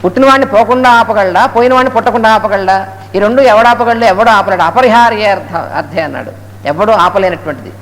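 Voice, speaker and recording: Fast-talking high-voiced man lecturing in a hall. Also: fairly bright tone. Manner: storytelling, quoting Sanskrit verses slowly. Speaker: Gita lecturer. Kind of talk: spiritual discourse. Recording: echoey hall with faint noise.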